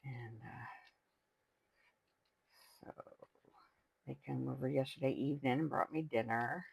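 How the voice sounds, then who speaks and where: A woman's voice: extremely low pitch, measured pace, darkish tone, poor audio. An older woman hosting a craft video, chatting casually and rambling to herself as she works. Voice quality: gravelly, husky. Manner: chatty, rambling, talks to herself while working. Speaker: craft channel host.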